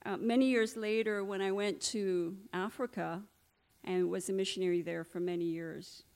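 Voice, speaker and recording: A woman's voice: mid-range voice, fairly even intonation, moderate pace, darkish tone. A middle-aged woman from Trinidad and Tobago sharing her personal testimony in church, telling her story earnestly with slides. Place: church hall.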